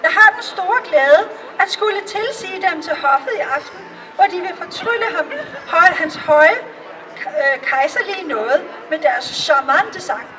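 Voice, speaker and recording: A woman voicing a pompous male court cavalier in a storybook reading, formal and a little lower. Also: expressive, pushed and bright, recorded from a distance, a faint crowd, a little hiss or hum, exaggerated voice, low-quality recording.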